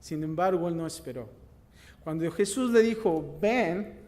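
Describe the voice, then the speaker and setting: A male pastor preaching a sermon and reading scripture, swelling loud then dropping soft, with rhetorical questions to the congregation. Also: a little high, lively intonation, moderate pace, in a large hall. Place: church sanctuary.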